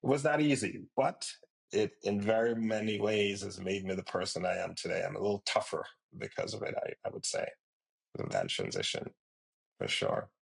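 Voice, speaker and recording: A middle-aged man from Jamaica, a company founder giving a podcast interview. He speaks in a measured, reflective way, with frequent fillers. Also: fairly low pitch, animated, creaky, poor audio.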